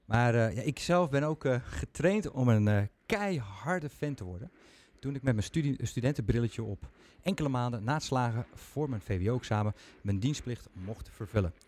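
Here a male podcast host chats at a moderate pace, animated, his mid-pitched voice a little mellow. He pokes fun at himself while speaking into the mic.

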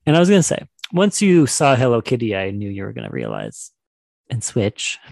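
A gravelly-voiced man hosts a casual podcast quiz, chatty and enthusiastic as he talks. His voice is close and dry, with no room around it, and he laughs easily between answers. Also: mid-range voice, wildly swooping pitch, fairly quick, darkish tone, dry recording. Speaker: podcast co-host running a quiz. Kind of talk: casual chat.

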